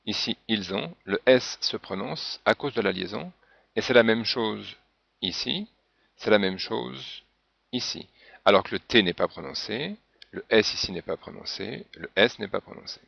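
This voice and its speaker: A man's voice: lowish voice, animated, normal speed, creaky, a bit bright, no echo. A man teaching a French pronunciation lesson, patiently spelling out example words one by one. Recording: dull, dry lo-fi recording.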